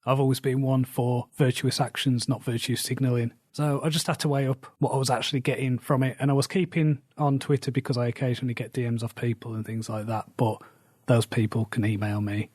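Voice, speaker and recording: A man's voice: mid-range voice, a little mellow, husky, dry recording, studio quality. A man recording his weekly author diary while losing his voice, sitting still and in pain, talking in a plain, matter-of-fact way. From England. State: losing his voice, slightly rough. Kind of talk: casual spoken diary. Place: indoors, seated at home.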